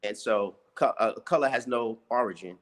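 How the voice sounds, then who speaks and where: A man's voice: mid-range voice, normal speed, fairly bright tone. A man hosting an interview, asking long, rambling questions full of hesitations. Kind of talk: casual interview talk.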